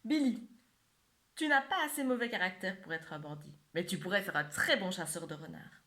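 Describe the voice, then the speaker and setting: A woman's voice: medium pitch, expressive, normal speed, a bit bright, natural voice. A woman voicing a father hamster who is a bandit, earnest and a bit worried.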